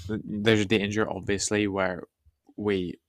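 Preacher, male, croaky, reflective and hedging, flat even delivery, dry close sound. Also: fairly low pitch, slow, no room sound. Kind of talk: podcast discussion.

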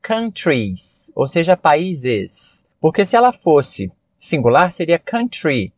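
A Brazilian man teaching English vocabulary on a podcast, spelling words out letter by letter and repeating slow model pronunciations. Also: on the high side, sing-song, no echo. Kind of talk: podcast language lesson. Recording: dull lo-fi dry recording.

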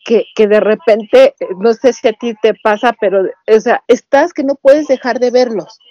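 A woman's voice: on the high side, moderate pace, dark tone, no echo, highs cut off. A woman co-hosting a casual interview, talking in rambling runs and repeating words as she thinks. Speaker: co-host.

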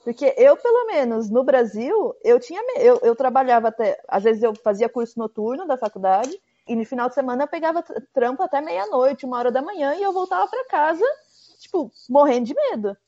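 A Brazilian woman, appearing as a guest, chats casually about hitchhiking and constantly drops in "tipo" and other fillers. Her high voice is expressive, mellow, and fairly quick, and the recording sounds dull and lo-fi.

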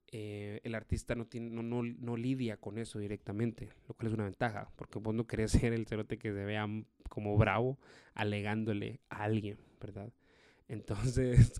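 Dark-voiced comedian telling a story. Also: male voice, fairly low pitch, normal speed, dry recording, studio quality. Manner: profane, animated storytelling. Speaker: stand-up comedian. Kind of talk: storytelling monologue.

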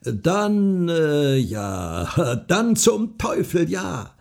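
A man voicing a stubborn, boastful old farmer who speaks gruffly and mockingly. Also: mid-range voice, big pitch swings, slow pace, voice pushed up, heavily acted. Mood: boastful, scornful. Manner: gruff, loud and mocking, drawn out.

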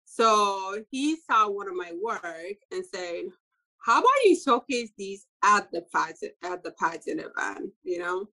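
A young woman from Ethiopia, a fashion designer, giving a relaxed interview with frequent soft laughs and filler words. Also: medium pitch, unhurried, rough recording. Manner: soft-spoken, laughs often, many fillers. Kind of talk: casual interview answers.

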